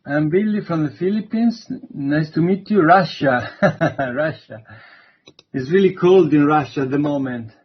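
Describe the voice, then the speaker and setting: A man's voice: a little high, breathy edge, muffled recording. A man giving an online introductory university lecture, hesitant and full of fillers. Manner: slow, hesitant, many fillers.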